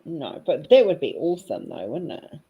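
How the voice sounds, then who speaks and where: A woman's voice: low voice, big pitch swings, moderate pace, creaky, phone-quality sound, slight background noise. A woman chatting casually and cheekily while she works on a craft project. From New Zealand. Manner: chatty and cheeky, rambling fondly. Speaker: craft vlogger. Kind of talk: casual chat while diamond painting.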